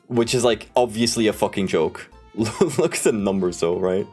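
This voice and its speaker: A young man chatting casually on a livestream, telling stories in an animated, sweary way. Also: lowish voice, moderate pace, breathy edge. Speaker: streamer. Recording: music playing behind the voice. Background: background music.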